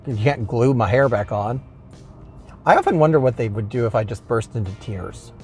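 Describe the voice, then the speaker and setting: A man's voice: medium pitch, expressive, normal speed, darkish tone, soft background music. Rambling man ranting from his car. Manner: rambling, complaining, with self-mocking asides and many restarts. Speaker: vlog host. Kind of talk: casual comedic rant. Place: in his car while driving.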